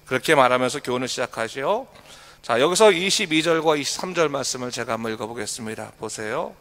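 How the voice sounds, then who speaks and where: A male pastor giving a morning sermon, reading scripture slowly and asking the congregation rhetorical questions. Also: mid-range voice, expressive, fairly bright tone. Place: church sanctuary. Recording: long hall reverb.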